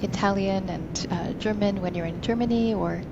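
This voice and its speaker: A woman's voice: mid-range voice, normal speed, gravelly. Polite woman host, dull noisy line. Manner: polite, encouraging, many fillers. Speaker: podcast host. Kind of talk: interviewing a guest.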